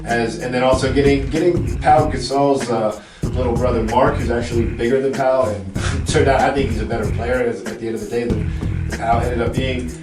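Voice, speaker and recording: A man's voice: mid-range voice, steady tone, moderate pace. A man co-hosting a casual sports debate, giving long-winded, hedging analysis in a rambling way. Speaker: sports podcast co-host. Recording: roomy, distant mic with music behind. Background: music.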